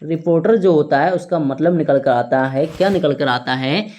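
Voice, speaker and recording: In Hindi, a man teaches an English vocabulary lesson, posing questions to his students and answering them himself. He spells words out slowly letter by letter and often says "theek hai" (ठीक है). His voice is a little high with a darkish tone.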